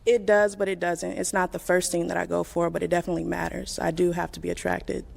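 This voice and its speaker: A woman's voice: lowish voice, level tone, fast talker, gravelly, darkish tone. A woman in her thirties on a dating show, guarded and vague, with many fillers. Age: 30s. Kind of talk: casual conversation.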